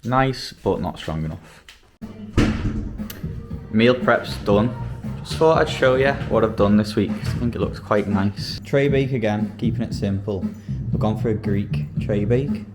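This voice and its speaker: Low-voiced man vlogging casually. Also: a little slow, over music. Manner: chatty, upbeat commentary on food and training. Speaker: vlog host. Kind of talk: casual vlog narration. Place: home kitchen.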